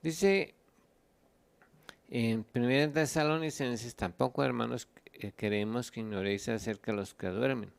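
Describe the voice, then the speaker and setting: In a Bible teaching Q&A, a pastor from Colombia speaks in a gravelly, mid-range voice with fairly even intonation. He gives lengthy explanations, reads passages aloud and stops to find verses.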